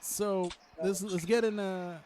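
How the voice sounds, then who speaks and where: A man co-hosting a casual podcast chat, an animated storyteller who swears freely and gets loud when excited. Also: sits high, takes it slowly, crowd noise. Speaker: podcast co-host.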